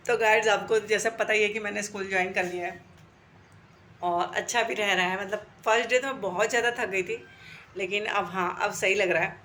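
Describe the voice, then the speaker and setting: A woman's voice: medium pitch, fairly even intonation, normal speed, sharp tone, a little hiss or hum. A young woman who teaches at a school, chatting casually to her viewers and telling funny classroom stories, often laughing as she talks. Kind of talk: casual storytelling vlog.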